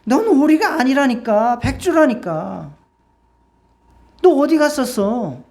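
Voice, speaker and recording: A woman's voice: high voice, sing-song, slow pace, a little mellow, exaggerated voice. A woman preacher voicing a flock of friendly swans who coax and welcome a lost bird in a sermon story. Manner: friendly, coaxing.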